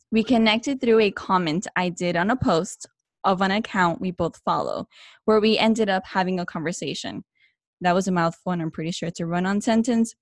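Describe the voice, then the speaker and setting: Recorded in studio quality with no echo, a medium-pitched woman hosts her own interview podcast. After a friendly scripted opening, she moves on to asking questions.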